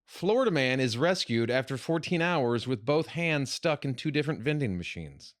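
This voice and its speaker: Man, late forties, podcast co-host, jokey and animated, dry close-mic sound. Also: mid-range voice, normal speed, dry recording. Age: 40s. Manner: joking, animated, reads headlines aloud. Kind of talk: casual chat.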